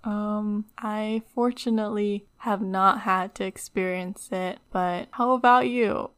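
A young woman co-hosting a podcast, gentle and supportive, chatting casually with plenty of "like". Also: medium pitch, fairly even intonation, slow, dry recording. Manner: gentle and supportive, also says "like" a lot. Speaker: podcast co-host. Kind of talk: casual chat.

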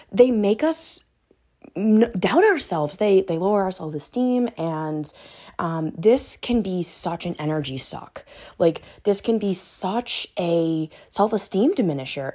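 Female podcast host, motivational coach type. Lower-pitched and husky, with peppy, emphatic, slangy delivery. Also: a little mellow. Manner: peppy, emphatic, casual slangy pep talk. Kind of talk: motivational podcast monologue, casual chat.

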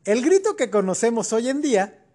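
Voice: medium pitch, moderate pace. Mexican-accented podcast host telling history bits, laid back and slangy. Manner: explains facts with relaxed colloquial asides. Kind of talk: casual history chat.

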